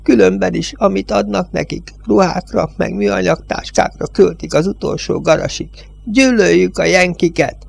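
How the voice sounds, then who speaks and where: A high, bleating old village judge, angry and afraid, muttering his grievances, as a man puts him on. The voice climbs well above the reader's own with a gravelly edge. An audiobook figure. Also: full character voice. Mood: grumbling. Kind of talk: audiobook reading.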